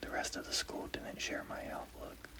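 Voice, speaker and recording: A man tells a scary story as whispered ASMR, his voice hushed, deliberate, and breathy with a gravelly creak.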